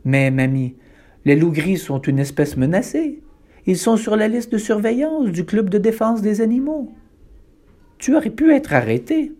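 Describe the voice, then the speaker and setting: A man's voice: high voice, very animated, a little slow, mellow, voice pushed up, exaggerated voice. A man voicing an earnest young girl who is an animal-rights activist, talking in an indignant, preachy way.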